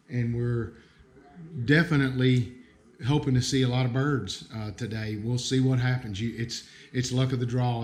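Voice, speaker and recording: A man's voice: medium pitch, a little mellow. A man with an Appalachian hillbilly accent hosting a livestream, explaining things casually in a folksy, somewhat hesitant way. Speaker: livestream host. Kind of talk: casual live explanation to viewers.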